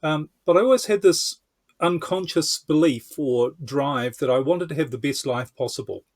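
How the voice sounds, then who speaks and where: Speaking at a moderate pace in a slightly high voice, a New Zealander with a Kiwi accent talks casually as a guest on a podcast, where he's interviewed about his work as an entrepreneur coach.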